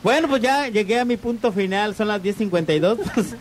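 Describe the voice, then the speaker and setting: A man's voice: sits high, a little fast, slight background noise. A man co-hosting a morning radio show, playful and teasing. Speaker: radio co-host.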